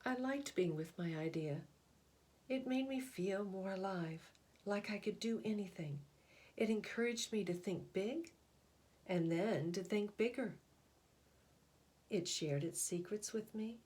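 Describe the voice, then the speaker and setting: A picture book is read aloud by a woman with a mid-range voice, who phrases things expressively and deliberately and pauses between them like a storyteller.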